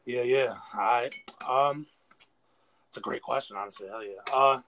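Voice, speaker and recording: An eighteen-year-old American battle rapper from New York State talks casually as an interview guest, earnest and rambling with plenty of slang. His mid-range voice, at normal speed, is a bit bright. The low-quality recording has a little hiss or hum.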